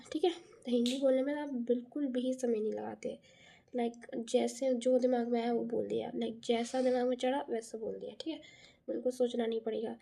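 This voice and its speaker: A woman's voice: fairly high pitch, creaky, mellow. A young Indian woman teaching a casual lecture, often checking in with "okay" and correcting herself as she goes. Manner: explains with repeated checks and self-corrections. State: has a cough. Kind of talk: casual exam-prep lecture mixing Hindi and English.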